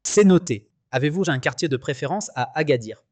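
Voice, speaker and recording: A chirpy, cheerful robotic-sounding male voice agent answers the phone in an upbeat, formulaic way. His voice sits a little high. The sound is dry and close, with no room around it. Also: lively intonation, fairly quick, a little mellow, slightly rough, no echo. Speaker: real estate phone receptionist. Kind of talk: scripted phone customer service.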